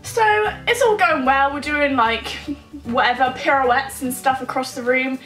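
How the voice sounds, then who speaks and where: A young woman telling a comic personal story to camera in an animated, self-deprecating way. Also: high-pitched, unhurried, soft background music. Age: young adult. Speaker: vlogger. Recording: echoey room.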